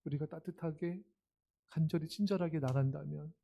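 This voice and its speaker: A middle-aged man preaches a sermon, his voice pitched a bit high for a man. He drops to a soft, gentle tone and then rises to loud, emphatic lines. He acts out the voices in his quotes with animated energy. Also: moderate pace, vocal fry, dull audio. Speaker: pastor.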